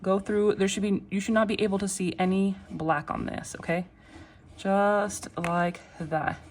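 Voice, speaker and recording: A woman giving a casual, step-by-step craft tutorial in a reassuring, unhurried way, often checking in, with machine noise behind her. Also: medium pitch, fairly even intonation. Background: machines running, clicking sounds.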